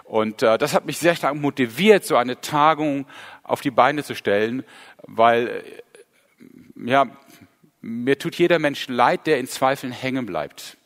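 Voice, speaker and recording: A man's voice: medium pitch, animated, slow, in a large hall. A man preaching a sermon, retelling a Bible scene with earnest emphasis. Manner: earnest, storytelling with rising emphasis.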